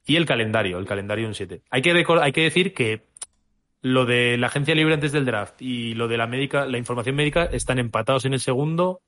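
A man with a mid-range voice and a fairly bright tone co-hosts a casual podcast, speaking briskly. He thinks out loud as he weighs his opinions, musing and hesitant, often restarting his sentences.

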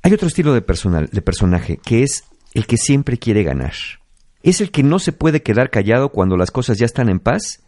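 A man's voice: mid-range voice, very animated, normal speed, a little mellow, no echo, clean studio sound. A man with a Mexican accent hosting a talk, explaining relationship habits and acting out examples. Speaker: host.

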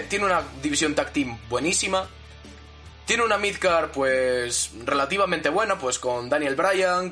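A man's voice: medium pitch, bright, forceful tone. A man hosting a podcast in the manner of a wrestling commentator, talking conversationally over music. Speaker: podcast host. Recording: music bed behind the voice. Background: guitar music.

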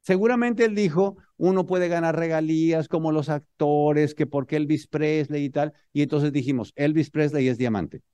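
A man with a Mexican accent telling a humorous story to an audience in an animated, motivational speaking style. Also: fairly high pitch, normal speed, hardly any pauses, clean tone, no echo.

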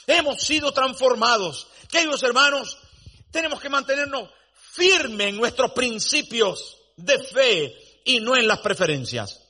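Emphatic high-voiced man preaching. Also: lively intonation, a little slow, pushed and bright. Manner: dramatic storytelling, rising to emphatic declarations. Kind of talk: sermon.

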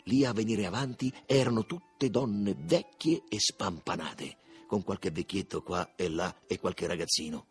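A man narrating a literary audiobook in a measured, expressive reading. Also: low-pitched, breathy edge, faint music behind. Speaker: audiobook reader.

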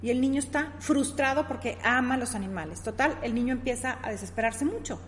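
A middle-aged woman talks her listener through a lesson in a warm, conversational teaching style, stopping often to check that she is understood. Her voice sits a little high. The recording has a long reverb tail and a faint hum of room ambience behind it. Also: a little fast. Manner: explains with examples, asks "¿sí?" often.

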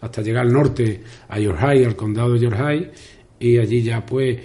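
Older man, extremaduran accent, mellow and warm tone, rambling storyteller, repeats words, radio guest. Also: medium pitch, moderate pace. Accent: Extremaduran Spanish. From Spain. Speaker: interview guest. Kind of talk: storytelling in an interview. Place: local radio studio.

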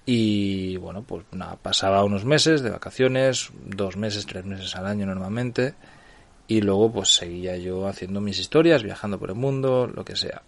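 Man from spain, spanish accent, middle-aged podcast host, lowish voice, explanatory and chatty, keeps checking in with listeners. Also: normal speed, vocal fry. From Barcelona, Spain. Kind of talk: solo podcast monologue.

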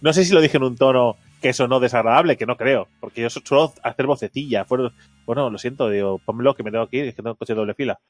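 A man tells a casual story on his stream, laughing easily and voicing the people he quotes. His voice sits mid-pitch and is recorded dry and close, with faint music underneath. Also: quick pace, no room sound. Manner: animated storyteller, laughs often, acts out quotes. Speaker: streamer and show host.

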